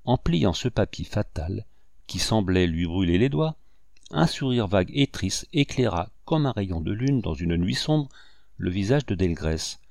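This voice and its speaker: A man narrating a novel as an audiobook in a steady, even reading. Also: low voice, unhurried, creaky, no room sound, clean studio sound.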